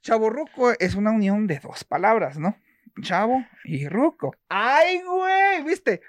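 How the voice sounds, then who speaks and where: A man's voice: sits high, sing-song, measured pace, no echo. Mexican dude in his 20s, slangy joking storyteller, voice jumps all over, dry close sound. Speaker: podcast co-host. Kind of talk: casual chat.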